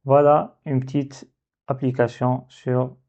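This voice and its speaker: A man's voice: medium pitch, level tone. A man teaching Arabic letter reading in French, patiently sounding out syllables one by one. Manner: patient, repeats syllables slowly for learners. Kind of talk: slow step-by-step lesson. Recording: dull lo-fi sound.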